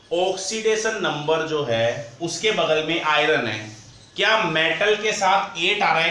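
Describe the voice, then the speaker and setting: Male chemistry teacher, bright and slightly high voice, drills terms by repeating them; roomy, distant mic. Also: slight background noise. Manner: repeats key terms slowly, asks the class questions. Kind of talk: whiteboard chemistry lesson. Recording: echoey room, voice from off-mic.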